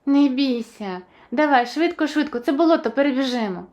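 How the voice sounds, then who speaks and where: Жінка озвучує сміливого, нетерплячого маленького динозаврика-хлопчика з книжки-казки, говорить захоплено й вигуками. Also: female voice, high-pitched, a little fast, pitched above the performer's own voice. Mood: excited. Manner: excited, exclaiming. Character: eager brave little boy dinosaur.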